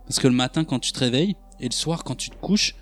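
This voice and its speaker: A man playing a bitter, self-loathing young street thug in a dramatic monologue, ranting in rough slang, with faint music underneath. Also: medium pitch, fast talker, fairly bright tone, natural voice. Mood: brooding.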